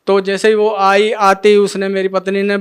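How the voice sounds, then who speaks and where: High-voiced man telling his testimony. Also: completely flat delivery, normal speed, clean tone. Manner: retells scenes by acting out every line of dialogue. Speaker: devotee sharing a testimony. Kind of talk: emotional spoken testimony.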